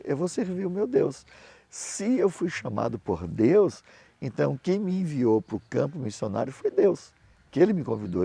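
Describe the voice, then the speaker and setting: A middle-aged man of medium pitch, creaky and slightly rough, is heard in a dry recording. As a pastor and missionary, he preaches and spins anecdotes, animatedly acting out each person he quotes.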